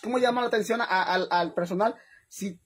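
A woman with a Mexican accent chatting casually on a livestream, talkative and animated, laughing often and calling her viewers "hermanas". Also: medium pitch, a little fast, slightly rough. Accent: Mexican Spanish. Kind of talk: casual livestream chat to followers.

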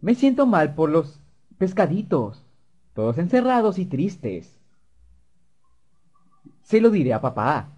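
A man voicing a small, sensitive boy in a game, raising and softening his pitch. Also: sing-song, slow pace, long pauses, husky, exaggerated voice. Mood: sad.

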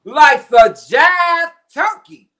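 A middle-aged man, a cooking show contestant, demonstrates a recipe from his home kitchen over a video call, heard through a webcam. His voice is extremely high, animated, pushed, and bright, and he talks extremely slowly, playfully dropping slang and puns.

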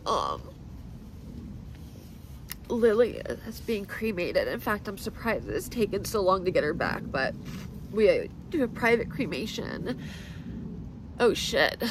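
Background noise accompanies this woman in her thirties, whose voice sits in the mid range. Near tears, she rambles through a personal vlog, making self-deprecating remarks and letting out nervous laughs.

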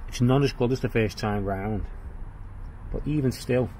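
A man giving a casual tour of his walled garden outdoors, talking in a plain-spoken, unhurried way as he walks and explains. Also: mid-range voice, warm tone, a little hiss or hum. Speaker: gardening vlogger.

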